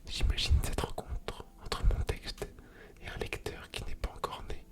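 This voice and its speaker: A woman hosting ASMR in a soft, unvoiced library whisper, reading aloud and commenting casually. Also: unhurried. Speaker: ASMR video creator and host.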